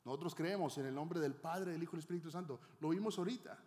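Pastor preaching in a reverberant hall. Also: male voice, on the high side, fast, a little mellow. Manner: teaching, asks the congregation questions. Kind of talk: sermon. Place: church hall.

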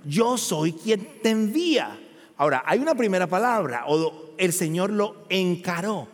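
A male pastor preaching emphatically, asking rhetorical questions and rising to loud peaks. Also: sits high, sing-song, a little slow. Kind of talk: sermon. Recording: long hall reverb.

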